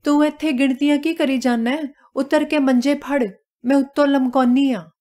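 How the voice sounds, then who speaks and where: A woman voicing a worried, sharp-tongued village wife who scolds her husband in a raised voice. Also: high voice, fairly even intonation, normal speed, pitched above the performer's own voice, lightly acted. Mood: scolding.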